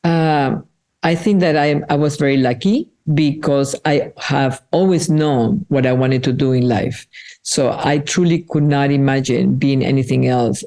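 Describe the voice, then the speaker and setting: This Peruvian artist, whose native tongue is Spanish, gives reflective interview answers in a mellow, creaky voice with an extremely low pitch. Earnest and thoughtful, she often slows to consider what she says.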